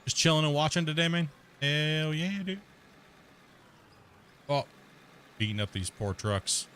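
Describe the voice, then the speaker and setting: A man's voice: fairly high pitch, very animated, a little slow, fairly bright tone, a little hiss or hum. Chatty man talking while gaming. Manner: rambling and chatty, many fillers and restarts. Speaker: gaming channel host. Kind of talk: casual chat while playing a mining game.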